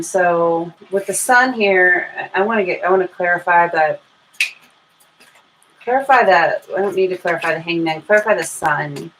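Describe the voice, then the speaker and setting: A low-quality recording, full of clear background noise and room ambience, captures an American woman with a lowish, somewhat bright voice hosting a live tarot reading. She chats informally with viewers and thinks aloud.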